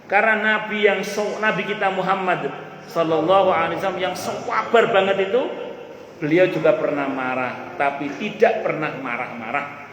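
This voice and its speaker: Lively preacher man with a lilt, echoey hall. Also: sits high, normal speed. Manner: lively, jokes with the audience, repeats key points. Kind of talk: religious study talk. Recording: echoey hall with faint room noise.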